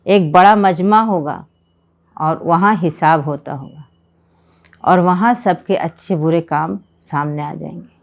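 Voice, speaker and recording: A woman giving a religious lecture on a Quran chapter, speaking in earnest, measured exhortation with repeated phrases. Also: lowish voice, creaky.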